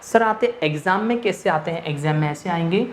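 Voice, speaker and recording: A male English grammar teacher lectures in a blend of Hindi and English, switching languages mid-sentence and answering his own rhetorical questions. His voice is a little high and fairly quick. The room is echoey, with faint noise.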